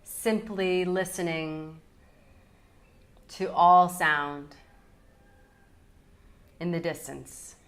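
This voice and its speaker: Guiding a yoga nidra-style relaxation, this woman's slightly low voice moves at a very slow, calm pace. Long silences fall between her soothing lines, and nothing about her delivery feels rushed.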